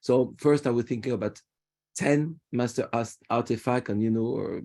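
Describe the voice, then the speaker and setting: A man's voice: medium pitch, moderate pace, a little mellow. Parisian-accented man guiding a virtual tour. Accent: Parisian French. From France. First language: French. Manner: friendly, chatty, restarts phrases. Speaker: tour guide. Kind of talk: virtual museum tour talk. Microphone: video call.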